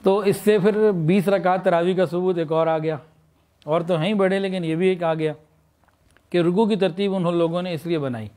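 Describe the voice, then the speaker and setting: A man with a Pakistani Urdu accent gives a sermon, explaining with rhetorical questions and leading slow recitations. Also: high voice, fairly even intonation, darkish tone. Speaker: preacher.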